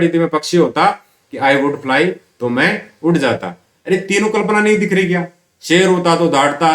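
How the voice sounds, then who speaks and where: A male teacher explains grammar to school students in a slightly high voice. He poses questions and answers them himself, and reads English example sentences slowly, word by word. The room sounds echoey around him. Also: a bit bright.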